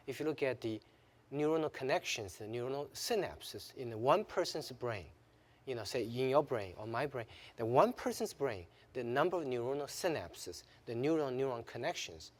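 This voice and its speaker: A middle-aged man, a native Chinese speaker, who is an eye surgeon, explaining his views earnestly as a guest on a TV studio set. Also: medium pitch. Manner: earnest, explanatory, gesturing hands. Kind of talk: studio interview. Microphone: lapel mic.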